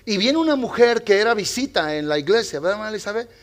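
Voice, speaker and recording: A male pastor preaching a sermon in a church, swinging between loud exhortation and quiet storytelling. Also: high voice, lively intonation, fast.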